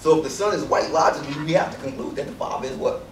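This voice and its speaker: A man's voice: on the high side, very fast, slight background noise. A man giving an emphatic public speech to a university audience, throwing rhetorical questions at the crowd. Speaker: invited speaker addressing a student audience. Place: university lecture hall. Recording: echoey hall from far off.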